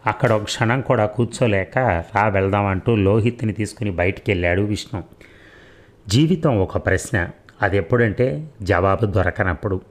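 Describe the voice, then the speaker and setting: A man narrating an audiobook story in a measured, reflective way. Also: on the low side.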